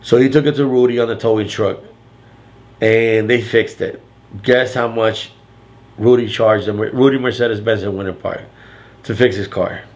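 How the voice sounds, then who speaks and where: A deep, loud older man speaks in a low register, telling a long story in a casual vlog. He rambles, restarts his sentences and drops in fillers as he goes. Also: fairly even intonation, normal speed. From Florida. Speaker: vlogger.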